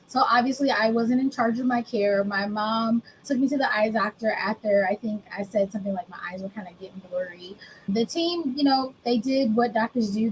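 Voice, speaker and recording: Here an American woman in her thirties, a guest being interviewed, explains her own story plainly and openly, poking fun at herself along the way. She speaks a little high. There's slight background noise on a rough recording.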